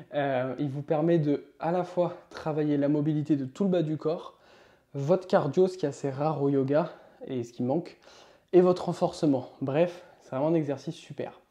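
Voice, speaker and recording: A man's voice: on the high side, dark tone. Upbeat man coaching yoga. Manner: upbeat, coaching, counts slowly while demonstrating. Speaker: yoga instructor. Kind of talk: instructional demonstration.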